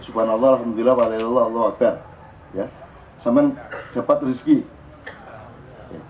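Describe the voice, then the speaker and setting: A man's voice: mid-range voice, moderate pace, dull audio, slight background noise. A man with a Javanese accent giving an informal, joking religious talk to a crowd at a live forum. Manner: joking, animated, mixing in local dialect. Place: live open forum event.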